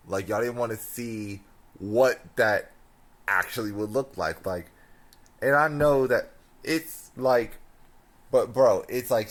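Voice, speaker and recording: A young American man who sounds drunk, on a casual, slangy, incredulous rant, repeating himself and stumbling over his words. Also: on the low side. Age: young adult. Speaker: film ranter.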